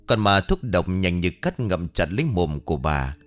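A man narrating an audiobook horror story in a dramatic, expressive way. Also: low-pitched, normal speed. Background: faint music.

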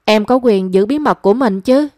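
A woman's voice: mid-range voice, normal speed, darkish tone, no echo, studio quality, natural voice. A woman reading the lines of a proud young woman who answers guardedly and with reproach. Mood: hurt.

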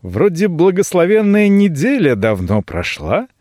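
A man acting out a sardonic knight who drawls every mocking word slowly. The pitch rolls up and down with sarcasm. The sound is close and dry. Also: wildly swooping pitch, a little mellow, no room sound, heavily acted. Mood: exasperated.

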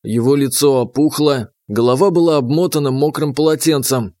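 A man's voice: mid-range voice, normal speed, darkish tone, no room sound, clean studio sound. A man narrating a first-person audiobook in a wry, plain manner with coarse asides. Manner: wry, coarse inner monologue.

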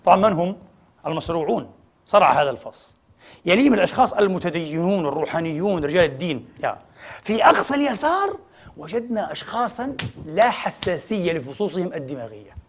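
Fast, husky-voiced male lecturer. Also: sits high, very animated. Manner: rhetorical questions he answers himself. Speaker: religious lecturer. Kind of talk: formal religious lecture to an audience.

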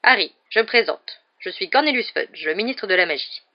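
A woman's voice: mid-range voice, expressive, a little fast, dull audio, close to an everyday voice. A woman voicing a tired, brusque middle-aged male minister in a storybook reading, curt and officious.

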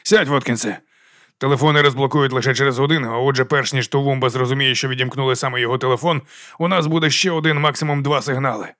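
A man voicing a calm, authoritative police chief giving measured orders in an audiobook. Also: medium pitch, close to an everyday voice. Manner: measured, commanding.

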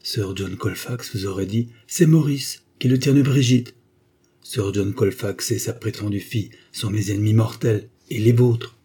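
A man reading a novel aloud, voicing a cold, commanding noble duchess in a raised, forceful voice. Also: on the low side, normal speed, husky. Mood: cold, stern. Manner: stern, commanding, solemn. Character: imperious cold-hearted noble duchess, woman. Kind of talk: audiobook character voice.

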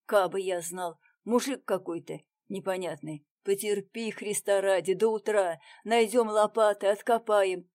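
A woman voicing a gruff, practical male comrade who talks in a brusque, reassuring way in a storybook reading. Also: medium pitch, steady tone, unhurried, few pauses, darkish tone, natural voice.

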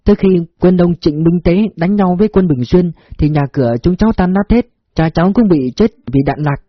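A man reading a story, voicing a humble, polite poor woman who sells food; husky and dry. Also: high-pitched, a little fast, no echo, dull audio, pitched above the performer's own voice. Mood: deferential. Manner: deferential, polite.

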